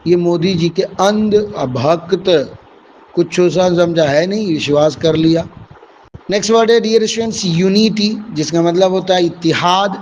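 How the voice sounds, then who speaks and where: A man's voice: sits high, darkish tone, a little hiss or hum, rough recording. A man teaching a vocabulary lesson, explaining English words one by one with Urdu and Hindi meanings and calling his listeners dear students.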